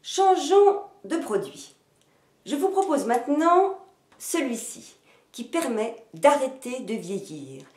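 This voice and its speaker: A woman narrates a phonetics lesson at a slow, deliberate pace, her pitch rising and falling freely as she demonstrates stress. Her voice sits a little high, and the recording carries a roomy echo. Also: very animated, darkish tone. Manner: slow, deliberate, demonstrating intonations with varied emphasis. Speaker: phonetics teacher. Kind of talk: scripted educational narration.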